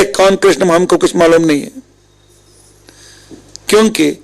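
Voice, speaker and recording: A religious storyteller with an Indian accent delivers a devotional discourse, unhurriedly retelling scripture stories and quoting the characters' dialogue. His voice is on the high side and gravelly, and the recording quality is low.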